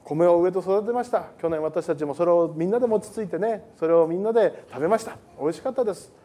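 A male pastor preaching a sermon to a congregation in a lively, joking way that often wanders off topic. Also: sits high, fast. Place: church service with a congregation.

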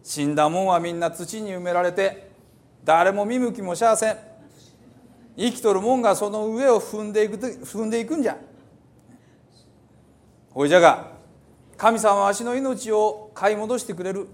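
Guy doing a stern old psalmist w/ thick old hiroshima dialect, loud and pitched up, declaiming about death. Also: normal speed, long pauses, lightly acted. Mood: solemn warning. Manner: emphatic, declaiming. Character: stern old male psalmist preaching mortality. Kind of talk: dramatic scripture reading in dialect.

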